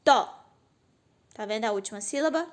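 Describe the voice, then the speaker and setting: Woman teacher, high voice, patient explainer asking and answering her own questions. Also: expressive, a little slow, fairly bright tone. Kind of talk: recorded remote class lesson.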